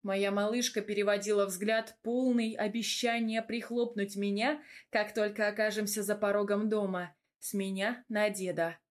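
A woman's voice: medium pitch, level tone, normal speed, hardly any pauses. Woman reading a story aloud. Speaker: audiobook narrator. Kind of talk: scripted first-person narration.

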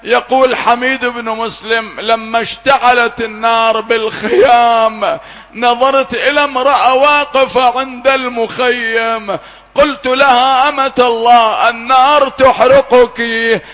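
A man's voice: extremely high pitch, fairly even intonation, a little slow, fairly bright tone. A man giving a mournful sermon, reciting an elegy with impassioned, wailing cries. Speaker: Shia eulogy reciter. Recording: long hall reverb.

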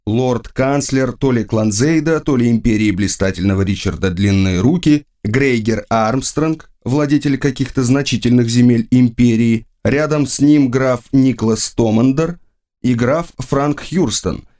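A man narrating an audiobook in a measured, dry storytelling manner. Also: mid-range voice, darkish tone. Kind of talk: scripted narration.

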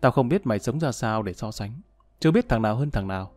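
A man reading a blunt, low-key former soldier. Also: lively intonation, quick pace, darkish tone, no room sound, soft background music, close to an everyday voice.

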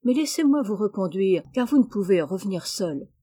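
A woman's voice: mid-range voice, sing-song, a little fast, dark tone, breathy edge. Woman reading as a lonely, sheepish teen boy. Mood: humble. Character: teenage boy cousin, proud but lonely.

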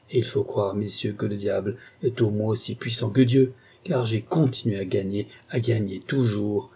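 A man's voice: fairly low pitch, slightly rough. A man voicing a tormented old gambler who believes he sold his soul, speaking with impassioned, feverish intensity in an audiobook reading. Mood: despairing. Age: older. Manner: impassioned, swings from grave confession to raging shouts.

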